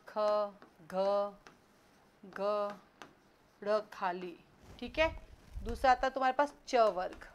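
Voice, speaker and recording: A woman teaching an online class, quizzing students, brisk and scolding, mixing in English words. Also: fairly high pitch. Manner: mixes Hindi with English words.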